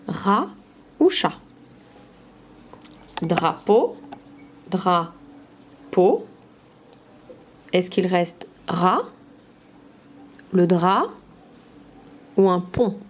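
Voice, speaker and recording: A woman teaching a phonics lesson to young children, pronouncing each word slowly and clearly, syllable by syllable. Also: lowish voice, animated, highs cut off, a little hiss or hum. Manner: slow, clear syllable-by-syllable pronunciation.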